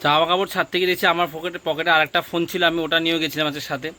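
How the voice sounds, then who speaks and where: A man's voice: on the high side, level tone, rapid-fire, sharp tone. A young man, vlogging as he walks down a rainy street at night, anxious as he talks to the camera. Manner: anxious, talking to the camera while walking. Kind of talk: casual vlog narration.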